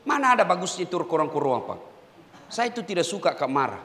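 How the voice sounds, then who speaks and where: A middle-aged man preaching a humorous sermon to prison inmates in Makassar-accented Indonesian, swinging between loud exhortation and low asides and acting out quoted voices. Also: sing-song, fast. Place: large hall in a prison. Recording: echoey hall.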